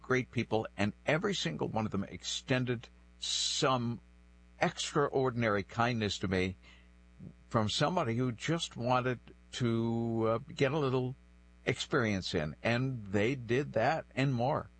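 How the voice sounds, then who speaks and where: A man from New Bedford, in the northeastern US, tells personal stories reflectively as an interview guest in a conversational setting; he is in his sixties and grew up speaking French. His mid-range voice is animated and a bit bright, at a measured pace, though the recording is rough.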